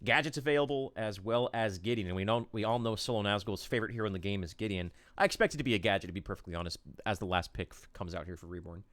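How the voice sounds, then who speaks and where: Excitable male esports caster, rambling commentary. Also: fairly low pitch, rapid-fire, few pauses. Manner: rambling, excitable play-by-play with fillers.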